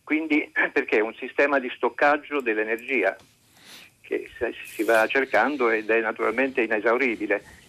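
A man's voice: medium pitch, steady tone, sharp tone. A man from central Italy calling in by phone to a radio show, explaining his question at length in an earnest way, often stopping and restarting his sentences. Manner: earnest, long-winded explaining with frequent halting restarts. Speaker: caller.

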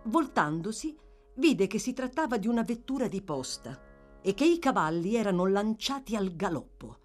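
A woman reads a classic novel aloud with measured, expressive storytelling. Her voice is lively in melody, shaping each sentence with care. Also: medium pitch, soft background music. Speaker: audiobook narrator. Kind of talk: literary audiobook narration.

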